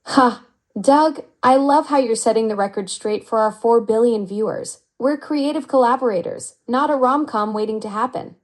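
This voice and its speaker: A woman's voice: a little high, normal speed. Upbeat synthetic woman AI assistant. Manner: upbeat, flattering, smoothly even delivery. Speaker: AI chat assistant. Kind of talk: conversational AI reply.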